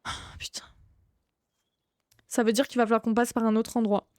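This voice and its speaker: A woman's voice: fairly high pitch, level tone, fast, a little mellow, no echo, clean studio sound. A young woman streaming a horror game live, chatting casually, greeting viewers by name and swearing now and then. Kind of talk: live gaming stream commentary.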